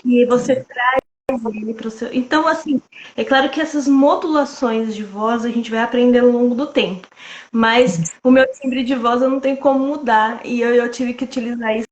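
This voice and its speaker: A woman with a soft, childlike voice talking calmly about sales in a casual live chat over a video call. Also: a little high, moderate pace, highs cut off. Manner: calm, reassuring, many fillers. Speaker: sales trainer.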